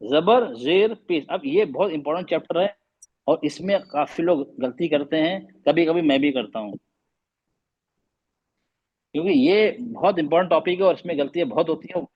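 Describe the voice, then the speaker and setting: A man's voice: a little high, expressive, moderate pace, slightly rough. A male teacher giving a lesson, repeating vowel sounds aloud and quizzing his students. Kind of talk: classroom lesson on Arabic vowels. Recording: dull lo-fi recording.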